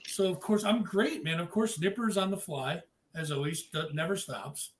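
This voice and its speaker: A man hosting a live-streamed interview, upbeat and chatty, giving shout-outs to viewers. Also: high-pitched, moderate pace. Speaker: podcast host. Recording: echoey room with faint noise.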